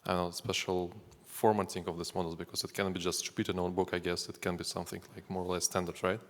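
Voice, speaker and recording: A man's voice: sits low, flat delivery, fast talker. A man asking a spontaneous audience question, piecing it together hesitantly, recorded in a reverberant hall. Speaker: audience member, data scientist. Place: large hall at a live event.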